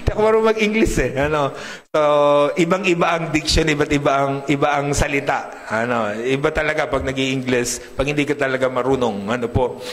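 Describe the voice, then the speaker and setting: A man preaching a sermon, joking and often asking the congregation questions. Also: brisk. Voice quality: deep, big voice. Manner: humorous, asks the crowd often. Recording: long hall reverb.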